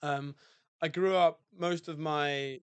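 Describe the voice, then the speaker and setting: A relaxed man with a British accent talks through his life as a podcast guest, rambling a little and circling back on his words. His voice is smooth and clear and stays fairly level in pitch. The sound is dry and close, with no room around it. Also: slow pace, no echo. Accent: British English. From England, outside London. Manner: easygoing, loose storytelling with many fillers and restarts. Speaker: guest, hotel owner.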